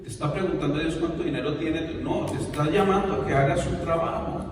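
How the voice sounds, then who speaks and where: Male pastor, sermon, higher-pitched voice, heard from afar, long echo, faint room hum. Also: fairly quick. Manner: emphatic preaching with playful impressions and stutter mimicry. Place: church hall. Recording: echoey hall, voice from far off.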